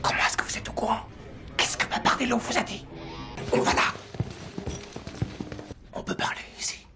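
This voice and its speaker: A man voicing a secretive music-shop clerk in a French film dub, talking in a hushed, conspiratorial way. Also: normal speed, natural voice. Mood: whispering, secretive.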